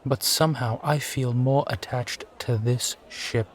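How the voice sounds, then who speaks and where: A man's voice: mid-range voice, steady tone, measured pace, a little hiss or hum, close to an everyday voice. A man playing a brooding, charming steampunk sky pirate captain and war veteran, talking wistfully and courteously in an immersive roleplay audio. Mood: proud. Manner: wistful, courtly, rambling, given to sighs. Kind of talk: immersive one-sided roleplay audio acting.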